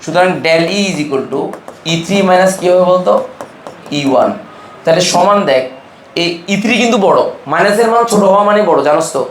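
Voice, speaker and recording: This Bangladeshi chemistry teacher has a high, animated voice that rings in a reverberant space with slight background noise. His classroom lecture is full of quick, brotherly quiz questions aimed at his students.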